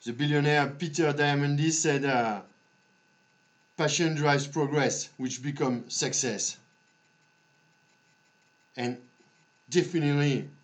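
Slow-speaking, halting male podcast host. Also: medium pitch. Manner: halting, with long pauses and repeated words. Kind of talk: motivational monologue for a podcast.

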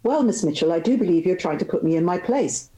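A woman's voice: on the low side, expressive, fast, mellow, soft background music, close to an everyday voice, rough recording. A woman reading aloud, voicing a charming, self-assured young male tycoon in a novel. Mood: amused.

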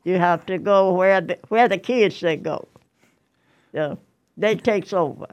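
A woman's voice: fairly low pitch, a little slow, a little mellow, muffled recording. A hundred-year-old woman from Tennessee, chatting in an interview, rambling and repeating herself with frequent laughs. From Tennessee, USA. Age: 100. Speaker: choir member, interview guest. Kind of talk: casual interview chat.

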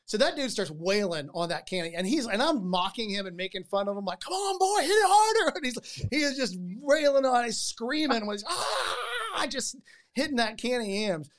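A podcast host telling a story with lively energy, often repeating words as sentences start. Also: medium pitch, normal speed.

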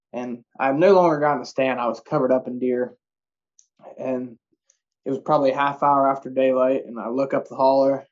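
A man's voice: medium pitch, a little mellow. A man, casually telling a rambling hunting story in folksy phrasing. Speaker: deer hunter. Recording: dull lo-fi audio.

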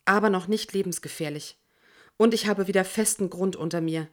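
A woman reading a first-person audiobook in a measured, tense manner. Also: mid-range voice. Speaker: audiobook narrator. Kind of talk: first-person scripted narration.

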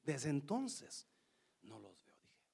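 A man's voice: fairly high pitch, wildly swooping pitch, slow pace, vocal fry, husky. A middle-aged man preaching a sermon, telling a personal story and mixing English words into Spanish. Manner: shifts from loud reading to soft storytelling. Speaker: pastor.

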